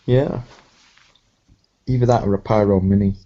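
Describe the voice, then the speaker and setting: A man hosting a casual live stream, talking in a slow, even way that often trails off. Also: fairly low pitch. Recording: dull lo-fi stream audio.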